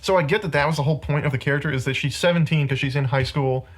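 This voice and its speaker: Male podcast host, slightly high voice, casual ranting critic. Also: fairly even intonation, rapid-fire. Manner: ranting film critique, heavy use of "like".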